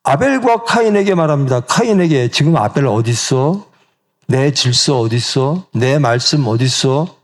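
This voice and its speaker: A man's voice: medium pitch, animated, moderate pace. A middle-aged male pastor preaching a sermon in a church, asking the congregation questions and acting out the voices he quotes. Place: church sanctuary.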